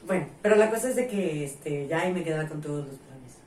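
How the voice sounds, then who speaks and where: A Mexican woman co-hosting a casual podcast, with an animated, swooping voice who reacts with exclamations. She is heard from a distance in an echoing room. There is faint background noise behind her. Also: low-pitched. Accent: Mexican Spanish. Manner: expressive, quick to laugh, reacts with exclamations. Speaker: co-host. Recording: roomy echo, distant mic.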